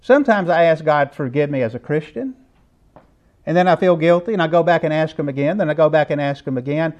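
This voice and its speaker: A middle-aged man with a high voice preaches a sermon lesson in a conversational way. He keeps asking his listeners questions. The recording sounds dull and lo-fi. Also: fast talker. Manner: conversational, asks the audience questions.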